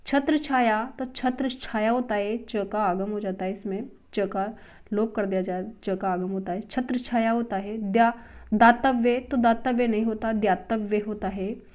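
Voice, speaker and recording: A woman teaching a spelling and grammar lesson at a brisk pace, drilling word after word and naming each new word louder and higher. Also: steady tone. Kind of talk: exam-prep grammar lesson. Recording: dull lo-fi sound.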